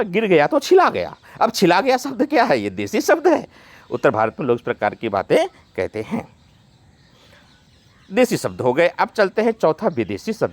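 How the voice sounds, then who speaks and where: A man's voice: high voice, dry recording. A man giving a grammar lesson, explaining definitions and reading out pairs of words one after another. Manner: explains slowly, listing word pairs one by one. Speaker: Hindi grammar teacher. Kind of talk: classroom-style grammar lesson.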